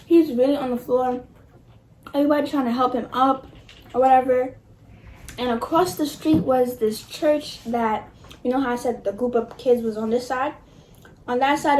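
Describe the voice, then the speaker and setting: A young woman telling a casual storytime in an animated, emphatic, slangy way, swearing freely. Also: fairly high pitch, poor audio. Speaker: vlogger. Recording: noticeable background noise.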